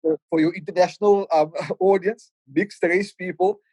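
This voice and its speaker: A middle-aged man with a Cape Town accent, a rapper and producer who grew up in the Cape Flats, joins a casual podcast as a guest. His high voice keeps a fairly even intonation at normal speed as he reflects, often stammering and starting over, on a low-quality recording.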